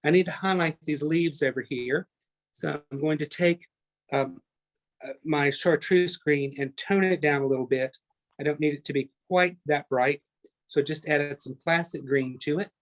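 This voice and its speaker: A man's voice: a little high, moderate pace. A man teaching a live online painting class, chatty and talking through each step as he works, often correcting himself mid-sentence. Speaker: painting instructor.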